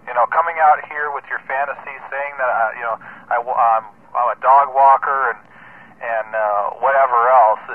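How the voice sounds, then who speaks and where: A man's voice: medium pitch, noisy background. A man mocking a rival as a ham radio operator, crude and taunting, with chuckles, heard over two-way radio. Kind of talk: heated radio argument. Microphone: handheld radio transceiver. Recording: tinny two-way radio audio.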